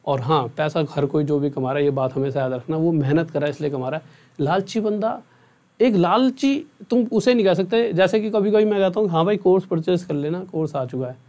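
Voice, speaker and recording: A man's voice: on the high side, a little fast, warm tone. Chatty, earnest young male teacher. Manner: chatty and earnest, often asks "theek hai?". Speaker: online exam-prep math teacher. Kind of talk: casual talk to students at end of an online class.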